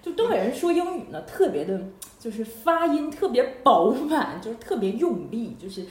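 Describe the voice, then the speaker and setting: A woman's voice: on the high side, big pitch swings, normal speed, a little mellow. Chatty laughing woman, echoey room. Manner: chatty, laughs often while explaining. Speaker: podcast host. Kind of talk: casual podcast chat. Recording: roomy echo with faint noise.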